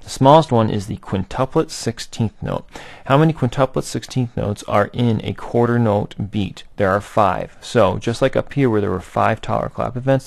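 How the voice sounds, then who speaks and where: Male music teacher, gravelly voice, dry close sound, methodical and patient, walks through rhythms step by step. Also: lowish voice, dry recording. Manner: patient, asks and answers own questions, chants rhythm syllables.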